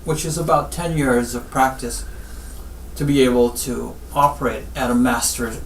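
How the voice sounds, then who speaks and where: A man from Guyana, a spinal surgeon, giving measured advice in an interview and often repeating what he tells his patients. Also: medium pitch, steady tone, a little hiss or hum. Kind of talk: interview answers. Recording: roomy, distant mic with faint ambience.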